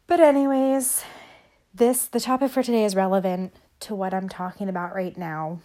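A woman's voice: medium pitch, steady tone, normal speed, dark tone. A young woman chatting casually on a solo podcast, rambling as she thinks aloud, with a stuffy nose and short of breath from a cold, breathing through her mouth. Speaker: podcast host.

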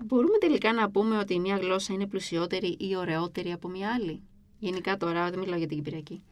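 A woman hosting a podcast interview, asking questions and murmuring agreement attentively. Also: on the low side. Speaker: podcast host.

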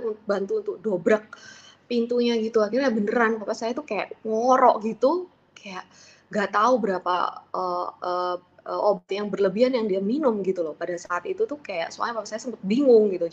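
A woman earnestly recounting a personal story in casual speech, halting at times and livening up when she quotes what she said. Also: mid-range voice, slightly rough, highs cut off. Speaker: interviewee telling a personal story.

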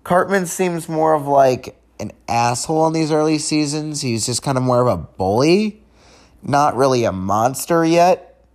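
A man's voice: a little high, lively intonation, measured pace. A man hosting a podcast, reviewing in a casual, unedited way, rambling conversationally with frequent restarts and stammers. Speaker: podcast host.

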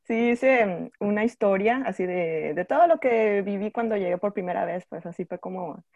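A young woman, a blogger guest talking casually in an unhurried, giggly way. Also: medium pitch, darkish tone, highs cut off. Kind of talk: casual chat.

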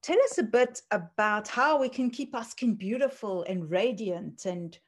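A woman's voice: mid-range voice, unhurried. A woman hosting a casual conversational interview. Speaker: podcast interviewer.

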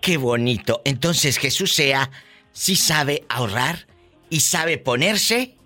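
A man's voice: mid-range voice, animated, slow pace, sharp tone, faint music behind. A man with a Mexican accent hosting a comedic live call-in show in a flamboyant, teasing diva persona. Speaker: radio host.

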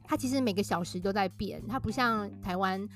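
A woman author joins a casual podcast chat, speaking. Her voice is mid-pitched and she explains at length with easy laughter. A faint bed of music sits under the talk. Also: brisk. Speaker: guest author.

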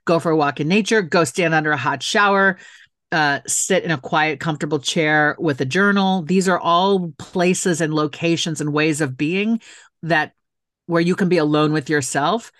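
Speaking at a normal speed in a low, slightly bright voice, this middle-aged woman appears as a guest in a sincere interview. She is an author and city council member whose delivery is emphatic and heartfelt, often repeating phrases for emphasis. The audio is studio quality, free of room sound.

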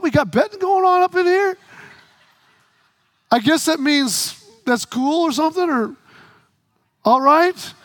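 A middle-aged man preaching a sermon, telling stories and acting out the dialogue in quick quoted voices, sometimes bursting into shouts for emphasis. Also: extremely high pitch, no echo. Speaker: pastor.

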